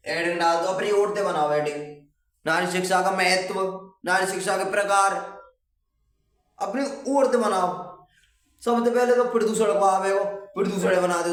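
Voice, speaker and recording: A young man, giving casual, rambling exam tips to students he calls brother. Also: high-pitched. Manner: chatty, addresses viewers as brother, rambling. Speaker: exam tips video host. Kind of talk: casual exam-prep talk. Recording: echoey room, far from the mic.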